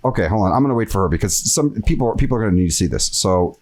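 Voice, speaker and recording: A man's voice: on the low side, racing. Podcast host guy, casual rant, voice swings all over, fired up and exasperated. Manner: animated, exasperated ranting. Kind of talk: casual chat.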